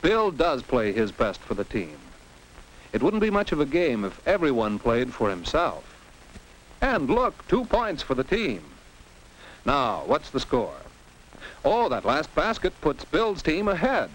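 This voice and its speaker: An American man narrates a scripted, didactic 1950s educational film for teens like a commentator, posing questions and exclaiming. His medium-pitched voice is very animated and unhurried, heard on a noisy old film soundtrack.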